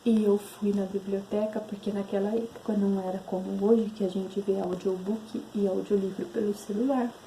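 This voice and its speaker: Woman with a very dark, mellow voice. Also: medium pitch, flat delivery, normal speed, few pauses, a little hiss or hum, low-quality recording. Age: 30s. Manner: rambling, self-correcting, re-enacts inner voices. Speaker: spiritual channel host. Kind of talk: casual personal storytelling.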